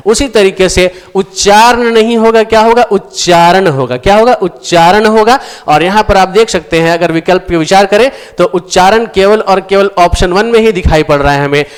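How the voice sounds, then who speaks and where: A man teaching Hindi grammar for exam preparation. He calls his viewers friends, repeats each answer for emphasis and reads example sentences aloud slowly. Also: sits high, clean tone. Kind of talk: exam-prep lesson explaining answers. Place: screen-recorded lesson with on-screen board.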